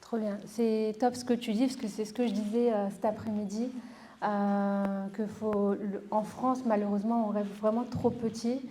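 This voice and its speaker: A woman's voice: mid-range voice, little pitch movement, moderate pace, dark tone, a little hiss or hum. A woman hosting an interview, asking long questions in a friendly way with many hesitations. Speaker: interviewer, business event host.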